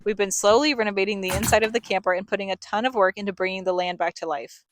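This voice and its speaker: A woman's voice: medium pitch, fairly even intonation, quick pace, a little hiss or hum. A young woman reading a scripted vlog voice-over in a reflective, earnest storytelling manner. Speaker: family vlogger, co-host.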